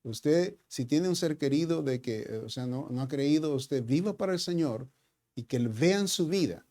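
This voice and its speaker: A man preaching a sermon in a church, talking like a pastor sitting down with his congregation. His voice is mellow and dark, never sharp, and he keeps checking in with "ok?" and slips into English fillers like "so". The delivery is loose and conversational rather than polished. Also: on the high side, animated, moderate pace.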